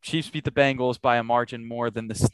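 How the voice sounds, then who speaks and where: A man hosting a sports talk podcast. His voice is smooth and resonant, recorded close and dry, and he makes his picks briskly and without doubt. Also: medium pitch, fairly even intonation, no echo. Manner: confident, quick to make picks. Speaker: podcast host.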